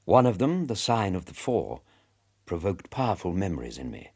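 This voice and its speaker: An actor playing a middle-aged gentleman doctor who narrates a radio drama in measured, literary storytelling. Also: low voice, sing-song, breathy edge, exaggerated voice. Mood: wistful reflective. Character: gentlemanly, reflective doctor recounting his friend's cases.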